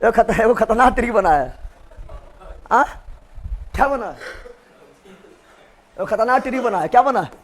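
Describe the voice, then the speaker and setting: A man's voice: very high voice, lively intonation, measured pace, pauses often. A man teaching a live online revision class, joking and quizzing his students with memory tricks. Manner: playful, joking, repeats questions to students. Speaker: exam coaching teacher.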